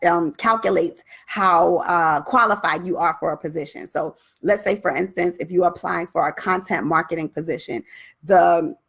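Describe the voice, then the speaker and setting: A woman with a Brooklyn accent and a slightly husky voice, coaching viewers live in a casual, chatty way and addressing them directly. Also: lowish voice. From Brooklyn, New York. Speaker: writing coach hosting a live session.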